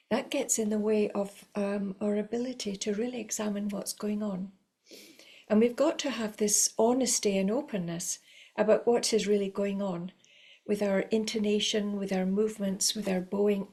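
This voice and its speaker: A middle-aged woman teaches violin in a calm, unhurried voice, coaching her listeners with patient encouragement. Her pitch sits in an ordinary middle range, and her talk runs loose and conversational, full of small fillers. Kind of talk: spoken lesson to camera.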